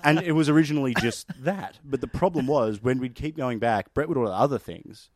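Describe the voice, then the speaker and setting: A man's voice: mid-range voice, fairly quick, dry recording, clean studio sound. A man hosting a podcast, telling stories in a casual, laid-back way and swearing often. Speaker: podcast host. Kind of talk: casual chat.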